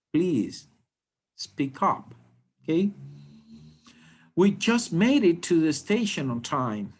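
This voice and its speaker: A male English teacher walks through a grammar lesson in a slow, measured way. His pitch rises and falls widely as he stresses words, and he often pauses to check in before moving on.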